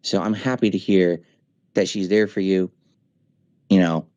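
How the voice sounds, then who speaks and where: A man's voice: deep voice, fairly even intonation, a little slow, mellow, no room sound, muffled recording. A man in his forties in a casual voice chat, talking emphatically and venting with profanity. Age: 40s. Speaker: streamer. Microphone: voice chat mic.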